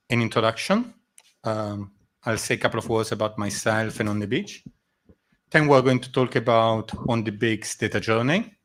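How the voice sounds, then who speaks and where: A middle-aged man from Argentina and Italy, giving a measured conference presentation with frequent pauses in a meetup room. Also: medium pitch, fairly bright tone. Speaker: guest speaker. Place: meetup room before a live audience.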